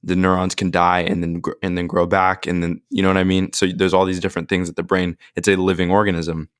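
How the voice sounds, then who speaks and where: Guy on a podcast, low smooth voice, pretty monotone, says like a lot. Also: quick pace, dry recording, clean studio sound. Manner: thinks aloud, with many filler likes. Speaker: podcast co-host. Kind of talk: casual discussion.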